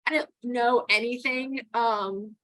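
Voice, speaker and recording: A towboat port captain, interviewed as a guest, talks casually and laughs a lot in a slow, steady voice that is a little high and fairly bright. She's middle-aged and from New York, with a Texan accent touched by New York.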